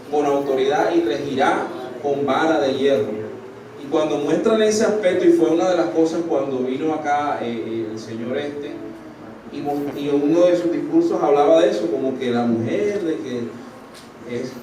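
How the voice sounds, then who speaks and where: A man's voice: fairly high pitch, darkish tone. A man preaching a sermon to his congregation, often asking them "right?" and breaking off to restart his sentences. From Colombia. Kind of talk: church sermon. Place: church hall. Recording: very echoey church hall, distant mic, room noise.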